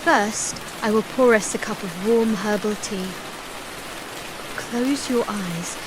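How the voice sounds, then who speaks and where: A woman playing a tender, doting partner in a soft ASMR role-play, speaking in a soothing, intimate, hypnotic manner. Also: on the high side, noisy background. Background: rain.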